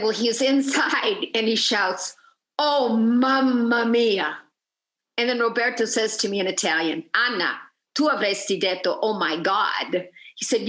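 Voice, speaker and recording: A woman's voice: mid-range voice, moderate pace, roomy sound. A woman guiding a virtual tour, telling a story with energy and acting out the people she quotes. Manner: lively storyteller, acts out quoted voices. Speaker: tour guide.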